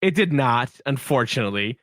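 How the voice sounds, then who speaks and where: A man's voice: mid-range voice, lively intonation, brisk, fairly bright tone, dry recording, studio quality. A young man as a podcast guest, chatting animatedly and emphatically, laughing often. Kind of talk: casual podcast chat.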